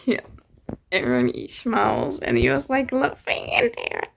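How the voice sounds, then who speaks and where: A woman's voice: medium pitch, sing-song, moderate pace, gravelly, slight background noise. A woman chatting casually to her viewers in a reading vlog, gushing and repeating herself to reassure them. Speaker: book vlogger.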